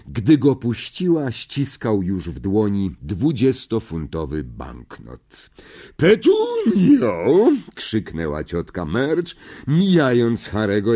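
A man narrating a novel as an audiobook reader, in expressive, unhurried storytelling. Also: on the low side.

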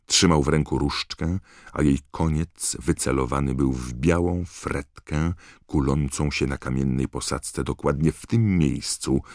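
Male audiobook narrator, deep and gravelly, dry close sound. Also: no room sound. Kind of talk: scripted narration.

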